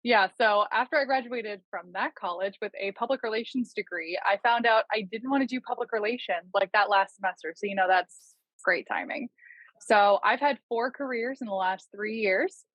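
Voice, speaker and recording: A woman's voice: medium pitch, normal speed, dry recording. Twenty-something woman chatting on a podcast, joking at herself, kinda muffled dry audio. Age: 20s. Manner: chatty, self-deprecating. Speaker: project manager. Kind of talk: casual podcast chat.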